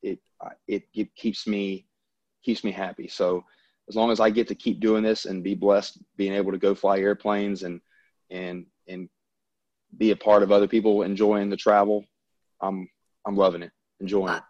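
A man's voice: lowish voice, flat delivery, moderate pace, a little mellow, dry recording, lo-fi sound. A man from Louisiana, an airline pilot talking in an easygoing, upbeat interview chat. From Louisiana, US South.

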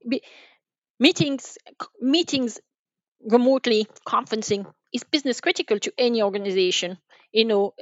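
Here the guest is a woman who manages enterprise sales, giving casual answers about business on a podcast. Her slightly high voice hesitates and doubles back on words as she thinks. It's a dry recording, somewhat dull, resembling a band-limited internet call.

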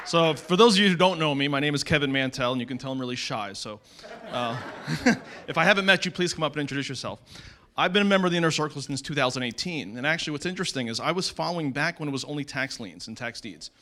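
A man's voice: a little high, lively intonation, fast, bright, forceful tone, a little hiss or hum. A man introducing himself to an investor group in an outgoing, emphatic way. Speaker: investor club member.

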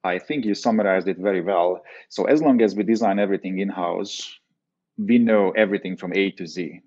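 On a podcast, an engineering executive from Hungary explains things with his Hungarian accent, speaking fairly quickly in a low-pitched, slightly mellow voice. The interview audio is dull and lo-fi.

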